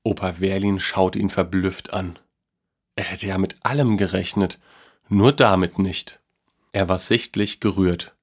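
Lowish voiced man reading a kids story out loud, calm and even. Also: unhurried, slightly rough. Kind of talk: reading a children's story aloud.

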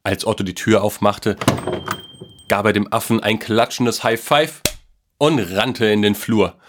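A man reading a children's Christmas story aloud, in a calm, even storytelling manner. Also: lowish voice, a little slow, slight background noise.

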